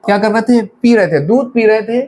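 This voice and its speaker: A man's voice: high-pitched, a little fast, a little mellow. A male grammar teacher, giving a classroom-style lesson. He repeats each phrase and keeps quizzing his pupils as children.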